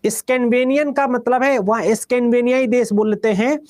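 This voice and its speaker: A man with a Bihari Hindi accent teaching a geography class, repeating each item slowly for students to write down and calling them "beta". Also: very high voice, fairly even intonation, no room sound, clean studio sound.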